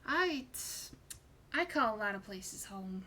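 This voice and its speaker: A woman voicing a smooth-talking male stranger who dodges every question with false friendliness. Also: sits high, lively intonation, slow pace, pushed and bright, heavily acted. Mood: evasive. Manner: coaxing, sly, friendly on the surface.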